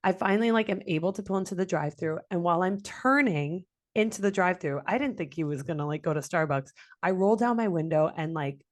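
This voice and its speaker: A young woman with a slightly low voice tells a story on a podcast. She is animated and salty, swearing freely and acting out each quote with big jumps in her voice. It sounds like casual chat into a podcast mic. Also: quick pace, few pauses. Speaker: podcast co-host.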